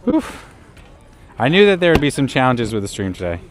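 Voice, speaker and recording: A man's voice: medium pitch, very animated, brisk, slight background noise. A man live-streaming outdoors in a city park on a wireless mic that keeps cutting out, so his volume jumps up and down while he chats with his viewers. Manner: chatty, talks straight to his viewers. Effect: audio cutting out, uneven volume. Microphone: wireless clip mic.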